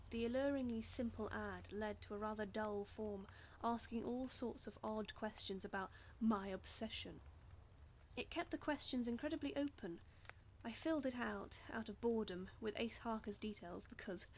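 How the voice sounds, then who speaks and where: A young woman, narrating her own strange story in a nervous, self-deprecating monologue with many halting fillers. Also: medium pitch, darkish tone, slight background noise. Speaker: narrator and lead character. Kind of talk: first-person dramatic monologue.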